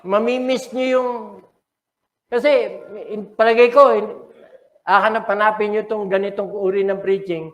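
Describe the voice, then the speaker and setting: An older Filipino pastor delivers a heartfelt, dramatic sermon, his voice pitched high for a man. The sound rings around an echoey church sanctuary. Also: steady tone, normal speed, long pauses, fairly bright tone. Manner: emotional, dramatic preaching mixing English and Tagalog.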